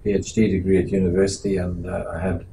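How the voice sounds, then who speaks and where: Older guy from zimbabwe, pretty monotone, lots of uhs and restarts, faint room hum. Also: deep voice, rough recording. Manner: measured, halting with frequent uh and restarts. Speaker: interviewee, metallurgist. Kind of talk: oral history interview. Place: small office meeting room indoors.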